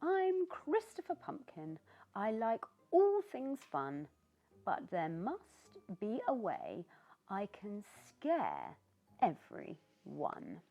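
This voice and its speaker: A woman's voice: medium pitch, wildly swooping pitch, drawn-out words, warm tone, pitched above the performer's own voice, heavily acted. A woman voicing a cheerful, friendly young male pumpkin in a storybook, talking in an eager, bubbly way. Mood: determined.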